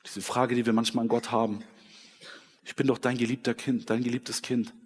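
A man preaching a sermon in a church hall, switching between dramatic scripture reading and quiet personal reflection. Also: medium pitch, little pitch movement, moderate pace, breathy edge. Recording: long hall reverb.

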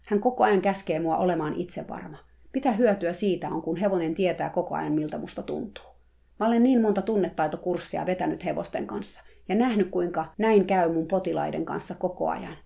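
A woman voicing a frightened riding therapist who speaks in tense, hushed pleas. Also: on the low side, gravelly. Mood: reflective. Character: frightened riding therapist, panicky then relieved.

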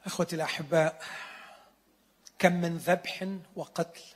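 A pastor with an Egyptian Arabic accent who preaches earnestly and with slow emphasis, sometimes dropping to a whisper. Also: male voice, a little high, fairly even intonation. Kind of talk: sermon. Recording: long hall reverb.

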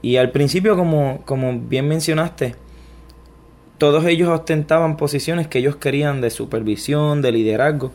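A man's voice: fairly high pitch, normal speed, a little mellow. A man with a Puerto Rican accent, a guest giving his personal testimony in an interview, speaking reflectively with many restarts and fillers. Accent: Puerto Rican Spanish. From Puerto Rico.

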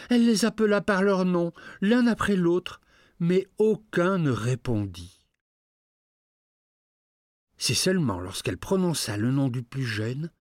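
A man narrating a fairy tale with an expressive, rising and falling storytelling manner. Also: fairly high pitch, no room sound, studio quality. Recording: narration over clear music.

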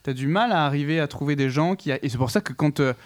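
A man's voice: a little high, quick pace. A man hosting a podcast in casual chat, explaining things at length. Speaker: podcast host.

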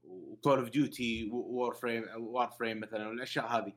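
A man, a guest on a casual podcast, giving animated short replies. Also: mid-range voice, fast.

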